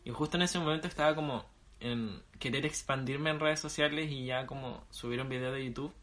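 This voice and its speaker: Young man, Chilean accent, podcast co-host, playful quick interjections, slangy. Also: mid-range voice, fairly bright tone. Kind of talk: casual podcast chat.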